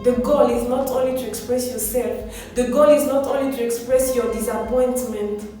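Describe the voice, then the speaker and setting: A woman's voice: fairly high pitch, darkish tone. Echoey, distant woman giving a motivational speech. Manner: earnest, exhorting, repeats phrases for emphasis. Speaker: motivational speaker. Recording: very echoey, distant mic, music behind.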